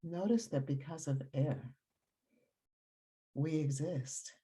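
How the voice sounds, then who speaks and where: Speaking in a low, soft, breathy voice, a woman guides listeners through meditation. Her manner is unhurried and soothing, calm throughout, with long pauses.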